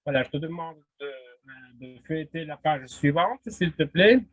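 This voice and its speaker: A man's voice: fairly high pitch, animated, normal speed, slightly rough, no room sound. A man teaching linguistics in a casual spoken lesson, hesitant, full of fillers and restarts. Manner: laughs readily.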